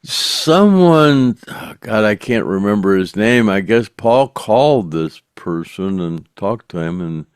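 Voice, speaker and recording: A man, hosting a podcast in casual chat, rambling through stories with halting restarts and chuckles. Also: deep voice, a little mellow, no room sound, studio quality. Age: 70s. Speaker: podcast host.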